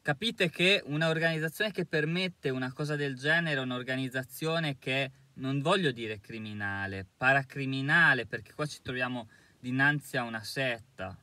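A man's voice: mid-range voice, moderate pace, hardly any pauses, pushed and bright, no echo. A man giving an indignant, emphatic monologue to camera as a commentator, with hesitant fillers between his points. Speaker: YouTube commentator.

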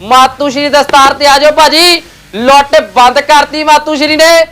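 A male shopkeeper delivers a sales pitch in a very high voice that stays on a flat, narrow band. He is emphatic, driving points home by repetition. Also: moderate pace. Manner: emphatic, repeats prices and phrases.

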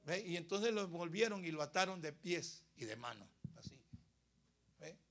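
A man's voice: fairly high pitch, animated, normal speed, gravelly, fairly bright tone. A Costa Rican male pastor giving a dramatic, emphatic sermon and asking questions of his congregation. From Costa Rica.

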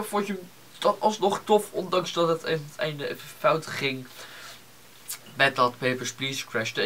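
A young man wrapping up a casual gaming video, chatty and self-deprecating, his voice recorded on a low-quality camera microphone. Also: bright, forceful tone. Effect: poor, lo-fi sound from a camera microphone. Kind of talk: casual let's-play commentary.

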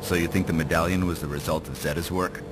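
An actor playing a terse, gruff American agent in a video game cutscene. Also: male voice, sits low, steady tone, fast, noisy background, close to an everyday voice. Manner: terse, laconic. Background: music.

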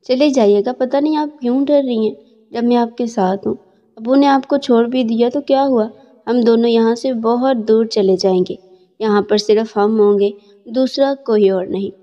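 A woman's voice: fairly high pitch, steady tone, warm tone, natural voice. A woman voicing a bold, reassuring young man. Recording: dull lo-fi with long reverb.

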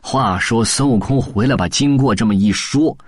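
A man narrating a classic novel as an audiobook in a lively, colloquial storytelling manner, close to the mic. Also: medium pitch, moderate pace, slightly rough, dry recording.

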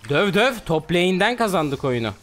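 A man in his twenties giving excitable, trash-talking commentary on his own gameplay. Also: sits high, moderate pace. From Turkey. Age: 20s. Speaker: gaming streamer.

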